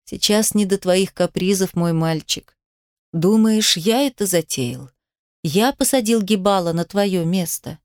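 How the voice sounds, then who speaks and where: A woman's voice: fairly low pitch, measured pace, a little mellow, no room sound, clean studio sound. A woman voicing an aging male herald, a desperate traitor father who pleads and then spits insults. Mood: pleading.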